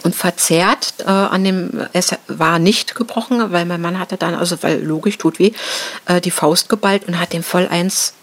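A middle-aged woman telling an interviewer about a violent attack on her husband, in a halting way with many fillers and restarts. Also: fairly low pitch, steady tone. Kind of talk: emotional personal account.

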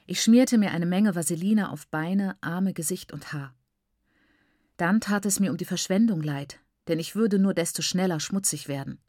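Brief: woman narrator, lowish voice, expressive audiobook reading, dry studio. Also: moderate pace, no room sound. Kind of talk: scripted first-person narration.

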